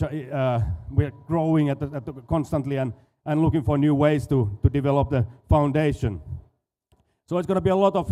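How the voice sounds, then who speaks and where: Here a dive school owner from Finland, in his forties, talks casually to an expo audience as a conference speaker. His Finnish-accented voice is slightly high with a dark tone, and he frequently stumbles and says words twice.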